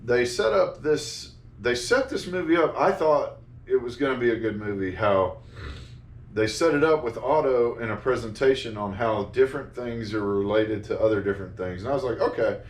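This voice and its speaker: A man chatting casually about a movie he reviews, sarcastic and fond of flat mock voices. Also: medium pitch, normal speed. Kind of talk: casual chat. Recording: echoey room, mic far off.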